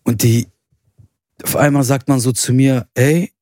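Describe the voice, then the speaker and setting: A young man, a podcast host, telling a spooky story in casual chat, animated and full of oaths, acting out the voices of people he quotes. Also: mid-range voice, unhurried, no room sound, studio quality.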